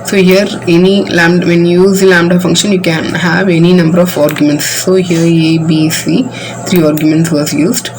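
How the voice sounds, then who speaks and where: A woman's voice: fairly low pitch, flat delivery, normal speed, music in the background, poor audio. Patient woman teaching code. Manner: patient, walks through code line by line with repeated "so". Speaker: computer science teacher. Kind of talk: classroom coding demo lesson.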